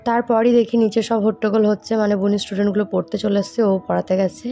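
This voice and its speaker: A young woman narrates her daily vlog in a chatty, easygoing voice-over. She speaks straight to her viewers as a young mother. Her voice is mellow and warm, at a middling pitch. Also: fairly even intonation, fast talker, vocal fry, faint music behind.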